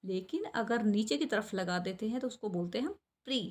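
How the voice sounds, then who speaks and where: A woman's voice: mid-range voice, expressive, brisk, darkish tone. A woman teaching a spelling lesson to young children, patiently repeating syllables and asking questions she answers herself. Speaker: school teacher.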